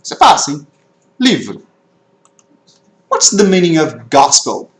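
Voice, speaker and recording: Lively man teaching English. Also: on the high side, measured pace. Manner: drills words aloud, slips English terms into Portuguese. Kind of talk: online class, teaching vocabulary. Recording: roomy echo.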